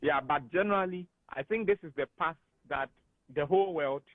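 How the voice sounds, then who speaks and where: A man with a Ghanaian English accent, speaking as a guest analyst on a radio talk show, animated and emphatic. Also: on the high side, moderate pace, no echo. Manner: animated and emphatic, laughs often. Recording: tinny phone-like radio studio sound.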